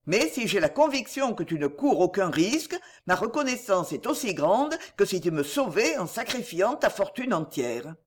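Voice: mid-range voice, big pitch swings, moderate pace, hardly any pauses. A reader voicing Philippe, an earnest, formal factory owner close to ruin, in an audiobook reading.

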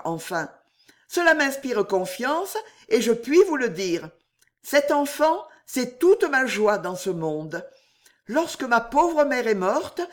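A woman voicing an emotional young courtesan in an audiobook, heartfelt and impulsive, with her voice lifted higher. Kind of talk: audiobook character reading.

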